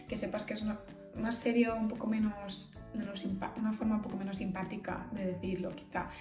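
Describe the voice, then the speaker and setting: A woman's voice: medium pitch, reverberant. A woman from England with an English accent, patiently explaining phrases in a bilingual language lesson. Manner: explains patiently, switching between English and Spanish. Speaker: English teacher.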